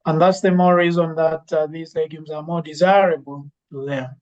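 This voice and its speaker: A woman gives a conference presentation as a university lecturer and plant breeder, pausing often on fillers and restarting her sentences. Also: low-pitched, steady tone, darkish tone. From Zambia. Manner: hesitant, many fillers and restarts. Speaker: university lecturer and legume breeder giving a talk. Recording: dull lo-fi recording.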